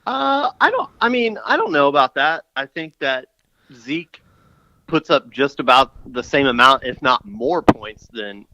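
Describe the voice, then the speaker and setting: Male caller on a muffled phone line, tunnel-like sound, bright and clean voice. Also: mid-range voice, sing-song, a little slow, no room sound. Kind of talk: casual phone chat.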